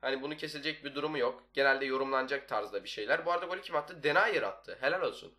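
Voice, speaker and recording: A man's voice: medium pitch, racing, sharp tone. A young man giving casual, nonstop gameplay commentary as a video host. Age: young adult. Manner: chatty, talks nonstop. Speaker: YouTuber, gaming video host. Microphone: desktop microphone.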